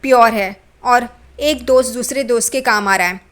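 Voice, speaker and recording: A woman's voice: a little high, moderate pace, fairly bright tone, natural voice. A woman reading the lines of a loyal young woman who earnestly defends her friend.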